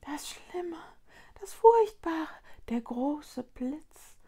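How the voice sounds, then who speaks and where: Tiny whispery magic critters put on by a woman reading a kids book, high and urgent, slow. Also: big pitch swings, mellow, exaggerated voice. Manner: urgent, repeats words. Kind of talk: children's storybook reading.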